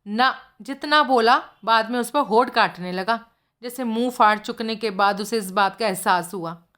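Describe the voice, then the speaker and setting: A woman's voice: fairly high pitch, moderate pace, a bit bright, natural voice. A woman voicing a blunt, streetwise middle-aged male informant who tells gossip in slangy speech. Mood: gossipy.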